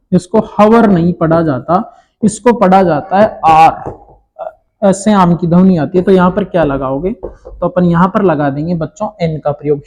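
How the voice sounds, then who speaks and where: A man teaching an English grammar lesson to children, explaining slowly and checking in often. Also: high-pitched, darkish tone, low-quality recording.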